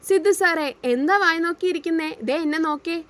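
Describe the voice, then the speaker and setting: Cheeky young wife, sulky, sarcastic, high voice, woman reading, audio story. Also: moderate pace, a bit bright. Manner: pouty, sarcastic muttering.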